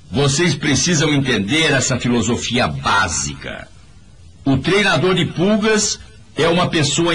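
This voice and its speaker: A man delivers a motivational talk with a preachy, emphatic manner. His pitch swings wildly from low to high as he presses each point. He speaks straight to his listeners, with a faint hiss underneath. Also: fairly bright tone. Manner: emphatic, preachy, addresses the audience directly. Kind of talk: motivational speech in a voice-over.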